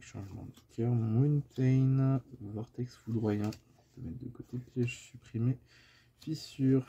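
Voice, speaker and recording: A man's voice: medium pitch, mellow, breathy edge. A man with a French accent sorting through his collection of trading cards, reading off card names one by one in a casual vlog. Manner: reels off card names one after another.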